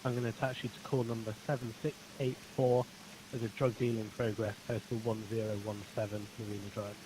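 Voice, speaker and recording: A man working as police dispatcher over police radio, rattling off brisk call codes. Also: mid-range voice, level tone, noisy background. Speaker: police dispatcher in a roleplay game.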